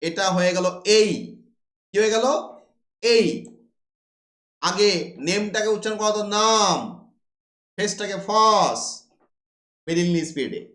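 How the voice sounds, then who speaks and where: A man with a high-pitched voice gives a classroom lecture. He poses rhetorical questions and answers them himself. The sound rings around a roomy, echoey space. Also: normal speed, pauses often, fairly bright tone. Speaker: teacher. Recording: roomy echo.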